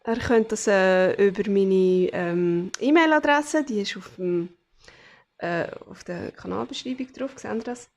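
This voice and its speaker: A woman's voice: medium pitch, measured pace. A woman with a Swiss German accent, hosting a casual crafting vlog, chatty and full of fillers as she shows her things to the camera. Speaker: craft channel host.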